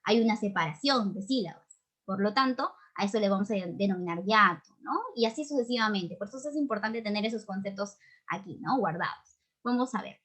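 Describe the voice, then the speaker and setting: A woman with a Peruvian accent teaching an online grammar lesson, explaining patiently and checking in often with quick tag questions. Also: medium pitch, fairly bright tone. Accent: Peruvian Spanish. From Peru.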